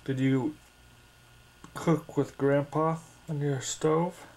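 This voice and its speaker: Low, mellow woman teasing a toddler. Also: steady tone, slow, rough recording. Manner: playful, teasing questions to a small child. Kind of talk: casual home video chat.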